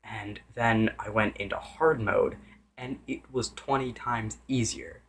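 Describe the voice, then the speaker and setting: A man with a fairly low voice talks through a game review off the cuff. He rambles, restarts his sentences and corrects himself over and over. Now and then he loses track of what he meant to say. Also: fairly even intonation, measured pace, fairly bright tone, a little hiss or hum. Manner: loses his train of thought. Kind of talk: casual unscripted game review.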